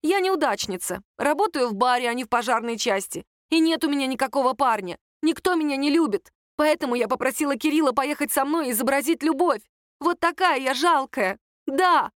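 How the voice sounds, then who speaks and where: A woman reading a story voices Lera, a bitter, defiant young woman shouting in heated outbursts. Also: mid-range voice, a little fast, no room sound, studio quality, close to an everyday voice.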